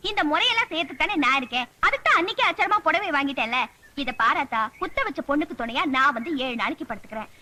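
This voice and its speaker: An actress playing a blunt, sharp-tongued young village woman in a film scene. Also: sits high, expressive, fast. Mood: humble. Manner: blunt, matter-of-fact. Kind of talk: film dialogue. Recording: film soundtrack with music behind. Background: music.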